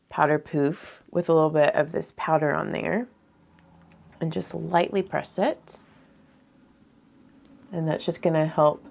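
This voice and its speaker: Deep, gravelly and darkish, her voice carries a casual get-ready-with-me talk as she works through her makeup. The beauty vlogger sounds slightly congested and nasal, with frequent filler words.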